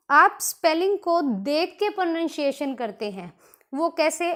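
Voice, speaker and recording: A woman with a Haryanvi accent teaching a grammar lesson for exam preparation, explaining slowly and repeating each example word. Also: high voice.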